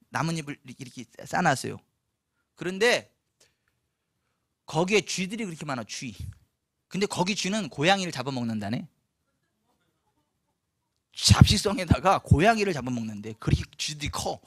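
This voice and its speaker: A pastor tells a story from the pulpit in a high, bright voice, acting out each person he quotes. He is animated and laughs often. The sound is close and dry. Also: no room sound. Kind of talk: storytelling sermon. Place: church.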